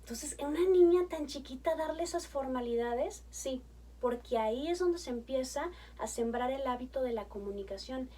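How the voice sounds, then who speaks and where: A woman in her thirties, a family therapist, giving conversational parenting advice, lively and acting out chats with her children. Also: sits high, moderate pace, recorded from a distance. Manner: animated, acts out chats with her kids in a bright coaxing tone.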